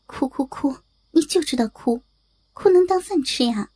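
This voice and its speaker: A woman voicing an enraged, hungry young man who yells and curses with his pitch leaping up. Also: animated, moderate pace, no room sound. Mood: exasperated yelling. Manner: yelling, cursing, pitch leaping up. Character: furious starving young man lashing out.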